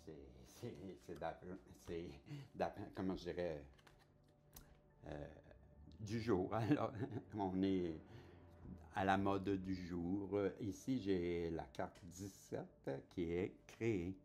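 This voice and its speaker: Slow, deep-voiced man. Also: warm tone. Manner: chatty, laughs often, reads cards aloud. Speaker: card reader. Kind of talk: oracle card reading.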